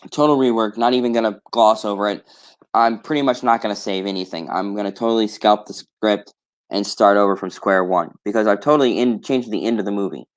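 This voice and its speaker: Rambling male streamer, lowish voice. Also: fairly quick. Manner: rambling, many restarts and self-corrections; casual, swears offhandedly. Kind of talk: casual storytelling monologue.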